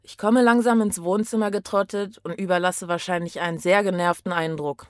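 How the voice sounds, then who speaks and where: A woman's voice: lowish voice, steady tone, fairly quick. A woman reading a first-person story aloud in a reflective, brooding way.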